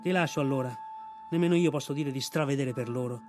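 A man's voice: medium pitch, fast, a little mellow, soft background music, natural voice. A man voicing an old veteran army mule in an audiobook, blunt and bossy. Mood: gruff. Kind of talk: audiobook reading.

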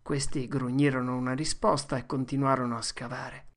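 A narrator reading an audiobook in a steady, measured way. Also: mid-range voice.

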